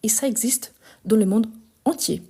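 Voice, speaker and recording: A woman with a Lyon accent, from France and Brazil, teaching a French grammar lesson in a live stream, spelling out verb forms slowly and firmly answering critics. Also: fairly high pitch, warm tone, breathy edge. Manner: explanatory, repeats forms slowly, gets indignant answering critics.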